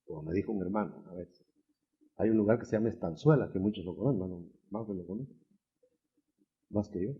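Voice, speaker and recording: A man preaching a sermon in an animated storytelling way, acting out shouted quotes. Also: fairly low pitch, a little fast, pauses often. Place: seminar hall. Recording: dull lo-fi 1991 seminar recording.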